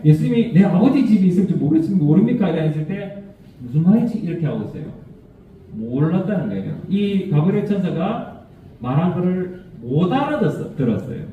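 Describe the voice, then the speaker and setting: A fairly high-voiced male priest gives his homily in a lively, conversational way, acting out little quotes and laughing as he goes. He sounds far from the mic in a very echoey church. The sound is thin and phone-like, with faint noise underneath. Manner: conversational, animated storytelling with laughs and acted quotes. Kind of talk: homily at Mass.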